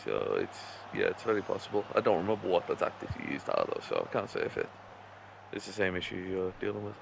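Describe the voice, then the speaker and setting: A man's voice: deep voice, very animated, quick pace, gravelly, background noise. A man chatting casually while gaming, explaining things with many hesitations. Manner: explains game mechanics with many ums. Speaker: streamer playing with friends.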